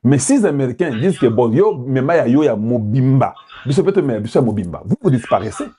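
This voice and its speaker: A Congolese man with a mid-range, mellow, slightly rough voice talks fast with big pitch swings while delivering political commentary. Rhetorical in style, he poses questions to his viewers and sometimes slips into Lingala.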